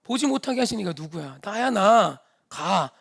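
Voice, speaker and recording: A man's voice: high voice, animated, normal speed, vocal fry, a bit bright, heavily acted. A man voicing God as a fatherly figure who speaks plainly and informally, coaxing and urging. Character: God, a fatherly male voice, patient then stern.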